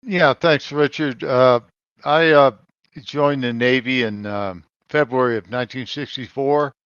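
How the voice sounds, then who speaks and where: An older man from Colorado tells his navy story over a call, his words halting and his volume rising and falling. The audio is dull and lo-fi but dry, with no room sound. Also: medium pitch, clear, resonant tone, no room sound. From Colorado, United States. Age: 70s. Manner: halting, with frequent pauses and swings in loudness. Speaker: navy veteran guest. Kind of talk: conversational interview answers.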